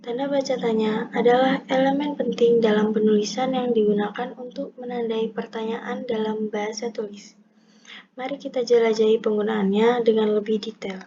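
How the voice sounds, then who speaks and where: Young woman, warm voice, scripted lesson reading, point by point, muffled recording. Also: on the high side, steady tone, normal speed, slight background noise. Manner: methodical, numbering each point in turn. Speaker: presenter explaining punctuation. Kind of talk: scripted lesson read aloud. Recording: dull lo-fi recording.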